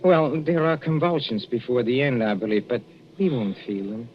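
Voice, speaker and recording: In a noisy, muffled 1940s radio suspense recording, a male actor with a medium-pitched voice plays a jealous husband at normal speed, lightly acted. Sardonic and hesitant, he mixes mock affection with gloating menace, coolly mocking as he reveals a poisoning.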